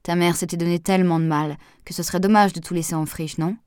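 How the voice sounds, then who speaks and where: Brisk fond older father read by a woman narrator, offhand, lowish voice, dry. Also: steady tone, darkish tone, clear, resonant tone, dry recording, close to an everyday voice.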